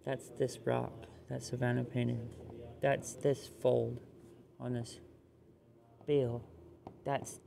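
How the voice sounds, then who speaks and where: A man in a rambling monologue to camera, repeating phrases and dropping to low mutters. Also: flat delivery, slow pace, creaky, pauses often, mellow, a little hiss or hum. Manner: repetitive, drops to low mutters.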